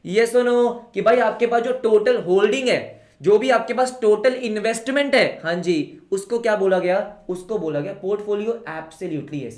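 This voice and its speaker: A man's voice: high voice, moderate pace. A young man teaching a live online commerce class in Hinglish, who keeps asking the students rhetorical questions and calls them beta. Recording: echoey room.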